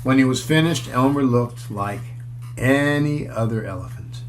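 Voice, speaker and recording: A man with a mid-range voice reads a children's picture book aloud like a storyteller, with slight background noise. He's chatty, stopping to remark on the pictures and ask his listeners questions.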